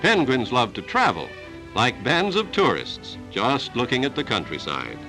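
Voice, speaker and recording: A man's voice: medium pitch, huge pitch swings, pushed and bright, poor audio. Old newsreel guy narrating, voice rises and falls a lot, music playing under him. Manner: measured, declarative announcer delivery. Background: music score.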